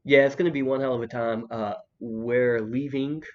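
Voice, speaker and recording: This podcast host is a young man whose mid-range voice holds a steady tone at a moderate pace. His casual chat is laid-back and jokey, full of restarts, captured in dull lo-fi sound.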